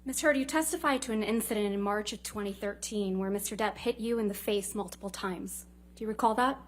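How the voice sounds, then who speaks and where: A woman's voice: mid-range voice, brisk, slight background noise. A woman lawyer cross-examining a witness in a courtroom, firing clipped, leading questions that often end in a short tag.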